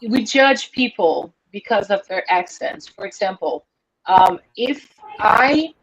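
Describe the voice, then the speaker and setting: A Brazilian woman with a Brazilian accent and a mid-range, slightly breathy voice chats casually on a live stream as an English teacher, speaking slowly with lively intonation. She sounds hesitant, repeating words and restarting sentences often, and the stream audio is dull and lo-fi.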